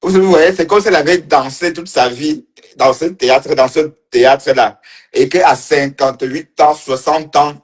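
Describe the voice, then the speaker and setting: This online commentator is a man with a voice on the high side, speaking at a moderate pace. His livestream commentary is casual and full of teasing and mockery, with frequent laughter and repeated phrases.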